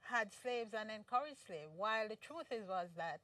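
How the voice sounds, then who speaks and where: A woman's voice: fairly high pitch, lively intonation, normal speed, pushed and bright, no echo. A Jamaican-born woman, a guest in a conversational interview, explaining earnestly with frequent restarts. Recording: distant mic, dry sound.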